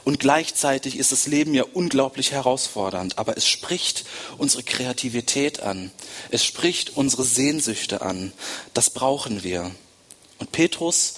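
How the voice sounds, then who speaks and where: A man's voice: medium pitch, a bit bright. A man preaching a sermon to his congregation, speaking directly to them and repeating phrases for emphasis. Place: church service.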